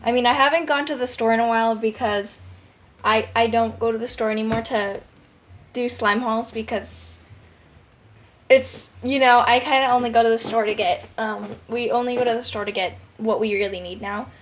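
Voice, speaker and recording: Young female review host, higher register, gushing and casual, headphone mic with background noise. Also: moderate pace. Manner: excited, gushing. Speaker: host of a slime review show. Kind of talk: casual product review to camera. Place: bedroom at home. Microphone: headphones used as microphone.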